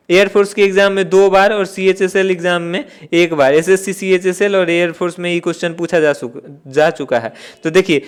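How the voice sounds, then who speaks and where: A man with a high, smooth, clear voice gives an exam-prep grammar lesson. He works through each question step by step, asking and answering his own questions and circling back to stress the key points. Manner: repeats key points with "theek hai". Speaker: exam-prep English teacher. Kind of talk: classroom-style exam lesson.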